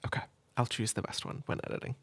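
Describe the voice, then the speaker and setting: A man speaking tenderly in a soft, half-whispered ASMR comfort roleplay, close to the mic. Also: fast. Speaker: ASMR creator.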